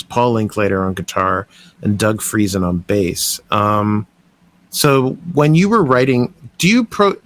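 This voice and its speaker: A young Canadian man with a lowish, fairly bright voice hosts a podcast in casual interview chat. He's enthusiastic and rambling, restarting his sentences again and again.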